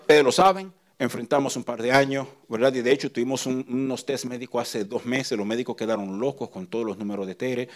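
A middle-aged man preaching a sermon, swinging from hushed, intimate lines to loud, emphatic ones. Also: mid-range voice. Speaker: pastor.

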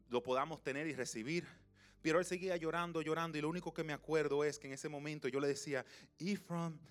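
Young man, sermon, hushed to loud swings, faint music bed. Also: a little high. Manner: storytelling, swings from loud to soft and slow. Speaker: pastor.

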